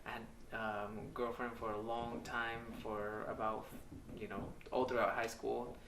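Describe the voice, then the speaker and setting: A Mexican man in his thirties tells his life story candidly, hesitating often with pauses, ums and uhs. His voice sits on the low side and his delivery is flat. The recording is echoey, with the mic at a distance and background noise.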